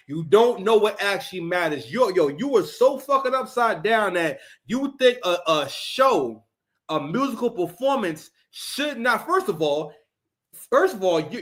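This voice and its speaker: A man with a notably high voice hosts a livestream, ranting through commentary. He swears freely and stumbles over repeated words as he pushes his point. The talk is loose and forceful. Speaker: livestream host and former battle rapper.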